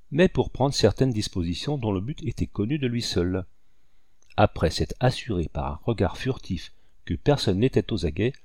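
A man reading a novel aloud as scripted narration, in a measured, descriptive way. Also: fairly low pitch, darkish tone, no echo, studio quality. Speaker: audiobook reader.

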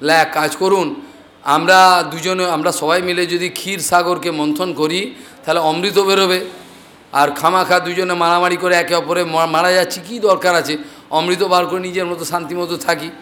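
A man voicing a humble, persuasive male envoy of the gods who flatters a king, in a storytelling sermon. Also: sits high, normal speed.

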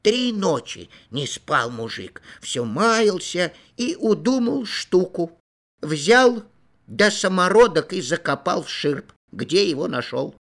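A male audiobook narrator reading a classic story. His delivery is expressive and storytelling in manner. His pitch moves in wide, lively swings. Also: slow pace.

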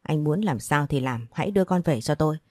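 Woman doing a desperate young mom, low, mellow tone, pleading and accusing. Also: lively intonation, brisk, dry recording, studio quality. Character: frantic young mother, woman.

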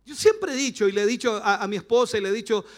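A man's voice: high-pitched, animated, fast. A man with a Chilean accent, a pastor preaching a rousing sermon at a church service, full of rhetorical questions and playful asides. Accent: Chilean Spanish.

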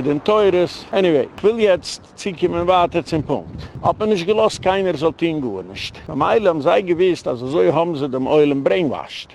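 A man's voice: on the high side, vocal fry, darkish tone, a little hiss or hum. A man, a rabbi, delivering a heated, rambling lecture in an emphatic way, dropping English words into his speech.

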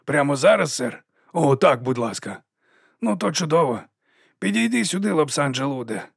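A man's voice: a little high, normal speed, creaky, husky, no room sound, studio quality, pitched above the performer's own voice, exaggerated voice. A man doing a teasing ancient monk sweeper. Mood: sly teasing. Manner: teasing, chiding, lively. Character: ancient wily male monk sweeper, mocking.

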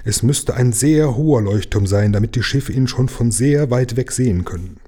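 A man's voice: mid-range voice, normal speed, mellow, pitched above the performer's own voice, lightly acted. A man voicing an eager, fawning old courtier who speaks in lofty formal phrases, read aloud from a children's book.

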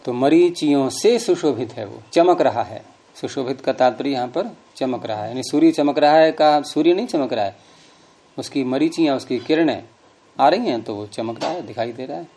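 A man's voice: medium pitch, moderate pace, warm tone. A middle-aged man teaching a grammar class, explaining patiently and quizzing his students. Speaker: Sanskrit teacher.

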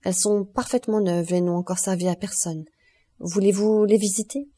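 A woman voicing a courteous young gentleman who speaks formally, in an audiobook. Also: medium pitch, steady tone, moderate pace, close to an everyday voice.

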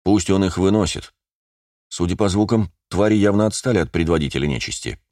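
Deep-voiced male audiobook narrator. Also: expressive, brisk, darkish tone, no echo, studio quality. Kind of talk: first-person audiobook narration.

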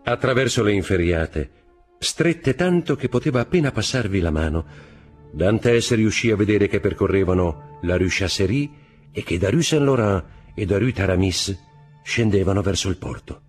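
A man narrating a classic novel in a scripted literary style, slowing for dramatic moments, recorded in a studio. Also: lowish voice, lively intonation, slightly rough, faint music behind. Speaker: audiobook narrator.

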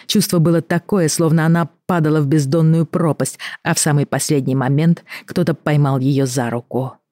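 Low-voiced woman reading a story. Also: no room sound, studio quality. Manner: measured, expressive reading. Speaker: narrator. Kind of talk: audiobook narration.

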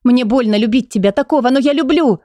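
A woman's voice: on the high side, fast, warm tone, dry recording, clean studio sound, voice pushed up, lightly acted. A woman voicing a young heroine desperately in love, pleading in a raised, emotional voice.

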